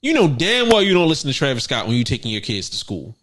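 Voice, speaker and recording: Animated, profane young man podcaster. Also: quick pace. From United States. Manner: animated, profane, bursts into high exclamations. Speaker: podcast co-host. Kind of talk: casual chat.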